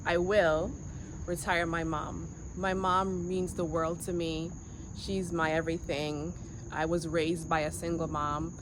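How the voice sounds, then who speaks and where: A woman in her forties who grew up in Jamaica addresses a handheld camera in a casual vlog from a quiet street. She has a lowish voice and a thoughtful, earnest manner full of pauses and restarts. Outdoor noise of insects and passing cars surrounds her.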